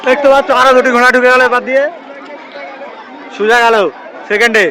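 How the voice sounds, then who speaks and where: High-pitched, fast-talking male race caller. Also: fairly even intonation. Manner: repeats phrases, addresses viewers as friends. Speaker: race commentator and vlogger. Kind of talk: race caller style live commentary. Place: outdoors at a crowded village racing field. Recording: noisy outdoor field with loud crowd.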